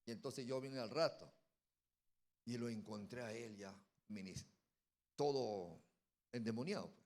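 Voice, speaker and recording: A man, a pastor telling a story in a sermon and building to loud, emphatic preaching. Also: mid-range voice, unhurried. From Peru.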